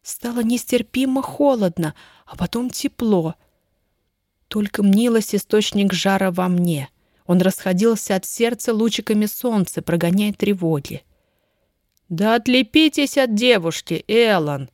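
A woman narrating a first-person fantasy audiobook in an expressive reading voice. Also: mid-range voice, unhurried, dry recording, studio quality.

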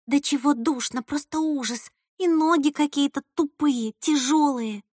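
A woman's voice: sits high, a little slow, a little mellow, dry recording, studio quality, voice pushed up. A woman voicing an impatient young actress, pleading and insistent.

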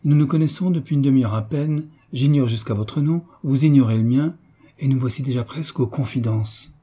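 Gracious young duchess, tender, gentle questioning, slightly raised voice, dark tone, storybook reading, a man doing her. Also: mid-range voice, a little fast, slightly rough, voice pushed up, lightly acted.

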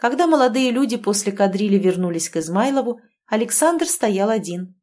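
A woman reading a historical romance novel aloud in measured, scripted narration. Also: medium pitch, animated, a little mellow. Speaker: audiobook narrator.

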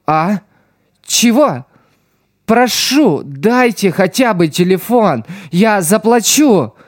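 A man's voice: high voice, sing-song, dry recording, studio quality, exaggerated voice. A man reading an audiobook, voicing a desperate young street boy who pleads and cries out for help. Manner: crying out, pleading, drawn-out shouts.

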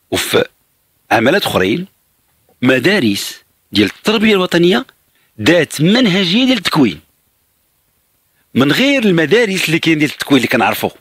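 A Moroccan man hosts a call-in show, speaking fast with a lively, rising and falling voice. His tone is husky and the sound is close and dry, and he explains things patiently and reassuringly. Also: fairly high pitch, dry recording. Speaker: radio advice host. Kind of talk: radio call-in advice.

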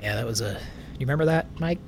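A man with a mid-range, slightly mellow voice talks fast and animatedly, with a faint hiss or hum in the audio. He hosts a livestream, wandering through irreverent jokes in rambling comedic chat and cutting himself off mid-sentence.

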